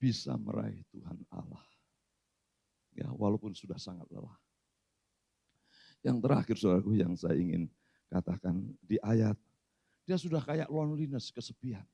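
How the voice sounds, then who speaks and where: A middle-aged male pastor preaching a sermon in a church, swinging between loud outbursts and soft asides. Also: fairly low pitch, lively intonation, moderate pace, long pauses, husky, dry recording.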